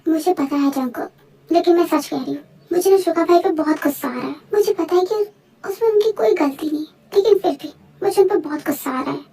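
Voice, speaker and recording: A woman's voice: very high voice, brisk, warm tone, recorded from a distance. A woman voicing a chatty, loyal young woman in a fan voice-over drama. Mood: upset. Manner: chatty, teasing.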